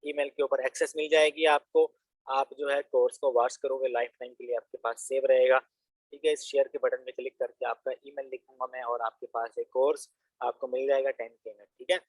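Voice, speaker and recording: In a screen-recorded tutorial, a young Pakistani instructor chats casually through his online business course, often filling gaps with "theek hai." His mid-range voice is flat, somewhat fast, and darkish in tone. The audio is rough but has no room sound.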